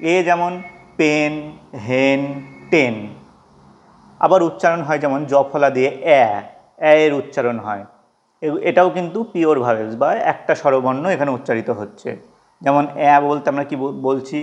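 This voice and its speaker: A man teaching English pronunciation in Bengali, who asks questions and then answers them himself, and says example words slowly to show the sounds. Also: on the high side. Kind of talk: explaining pronunciation.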